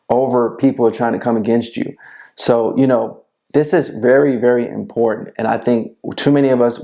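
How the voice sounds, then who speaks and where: A man's voice: medium pitch, creaky, warm tone. A man in his thirties giving a preachy, repetitive motivational talk straight to camera, calling the viewer "bro", recorded on a lapel mic in a small indoor room. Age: 30s. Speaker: men's self-help video host. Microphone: lapel mic clipped to shirt.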